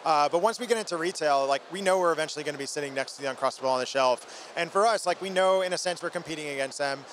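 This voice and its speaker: Speaking fast into a handheld mic, this man in his thirties is interviewed as a company founder at a crowded indoor trade show booth. He talks informally and with energy in a fairly high, slightly bright voice, while the convention hall hums faintly in the background.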